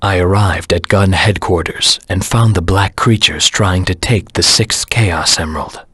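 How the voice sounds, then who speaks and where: A brooding, vengeful hedgehog antihero from a video game. The voice is low and hard-edged, with a very husky rasp. Lines come out terse and solemn, full of menace, in a close, dry recording. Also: male voice, measured pace, fairly bright tone, dry recording, heavily acted. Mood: grim, resolute. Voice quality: gravelly, husky. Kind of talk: video game character voice acting.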